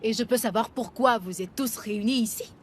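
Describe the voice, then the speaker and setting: An actress plays a fervently pious neighbour woman with a very high voice. She is effusive and oblivious, preaching in drawn-out, exclaiming phrases, as in a dubbed comedy-drama. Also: a little hiss or hum, close to an everyday voice. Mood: puzzled, soothing.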